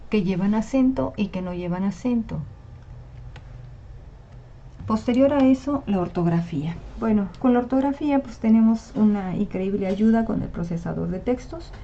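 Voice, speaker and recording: There's a little hiss or hum in this slightly dull lo-fi recording of a woman teaching Spanish spelling online. Her mid-range voice is mellow, and she explains patiently, pausing to check in with her class.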